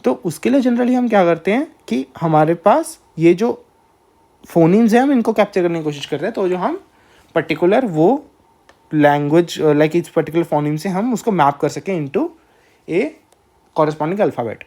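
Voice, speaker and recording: A man with an Indian accent giving a recorded lecture, speaking slowly and deliberately, often pausing to check in with listeners. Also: high voice, lively intonation, dark tone. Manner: slow, measured, with frequent filler checks.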